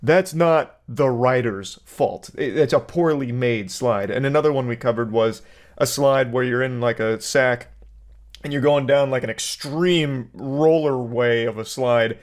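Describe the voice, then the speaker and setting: Male commentary host: casual, comedic, mid-range voice, over-analyzes with deadpan-scientific wording and frequent swearing, close-miked. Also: mid-range voice, a little slow. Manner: sweary, mock-analytical, rambling hyperbole. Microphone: close desk microphone.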